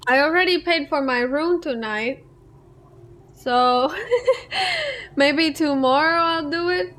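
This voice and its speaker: High-voiced woman commenting on a game. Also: big pitch swings, slow, a bit bright. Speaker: video game player and commentator. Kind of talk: casual playthrough commentary, reading choices aloud.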